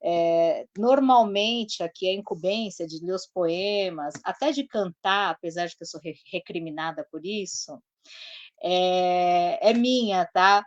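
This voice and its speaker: A woman's voice: lowish voice, unhurried, lo-fi sound. A woman hosting a live talk show, telling a story in a chatty way full of asides and tag questions. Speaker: host.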